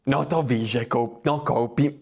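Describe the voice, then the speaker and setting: A gruff, low-voiced dad, acted by a man, who mumbles and rumbles well below the speaker's own range. He sounds soft with his daughter and blunt with his son. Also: fairly even intonation. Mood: doting.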